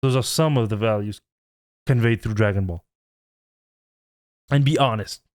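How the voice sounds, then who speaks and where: A man's voice: on the low side, moderate pace. A man in his twenties, a channel host, giving an earnest, pleading vlog rant. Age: 20s.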